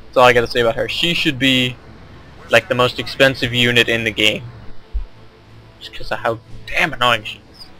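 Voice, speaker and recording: A man's voice: mid-range voice, normal speed, pauses often, pushed and bright, faint music behind, rough recording. A young man casually commentating his own strategy game replay, rambling and correcting himself as he goes. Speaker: gameplay commentator.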